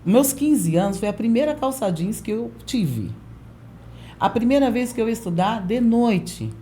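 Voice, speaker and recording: A woman pastor in her forties, a podcast guest telling a lively testimony and acting out the voices of people in it. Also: fairly high pitch, unhurried, slight background noise. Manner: lively storyteller who acts out quoted voices. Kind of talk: storytelling testimony in a podcast interview.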